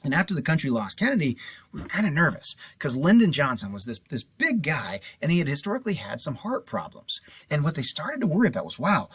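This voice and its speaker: A man's voice: fairly high pitch, huge pitch swings, fast talker, a bit bright, breathy edge, dry recording. A middle-aged man giving a chatty, casual lesson, repeating little memory rhymes. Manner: chatty, repeats mnemonic rhymes, lots of fillers. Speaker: teacher. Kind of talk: casual classroom lecture.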